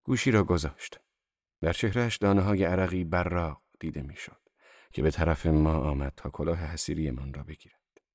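Low-voiced man reading a novel. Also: dry recording, studio quality. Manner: calm, even literary narration. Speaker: narrator.

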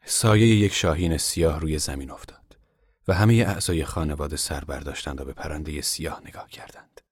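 Very deep-voiced male narrator. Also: husky, no room sound, studio quality. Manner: calm, measured storytelling, at times hushed. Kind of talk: audiobook narration.

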